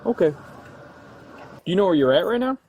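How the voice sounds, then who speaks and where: Male cop, fairly high voice, patient and reassuring, body-cam audio with faint noise. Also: big pitch swings, fairly quick, a little mellow. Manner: patient, reassuring, hesitant fillers. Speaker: police officer. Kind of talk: calm on-duty questioning.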